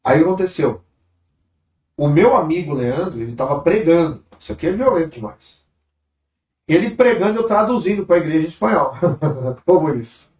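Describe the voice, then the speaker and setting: Brazilian preacher, higher-pitched man, animated storyteller, recorded from a distance in a roomy space with a dull sound. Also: normal speed. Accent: Brazilian Portuguese. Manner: animated storyteller acting out dialogue. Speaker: traveling preacher. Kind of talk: testimony in an interview.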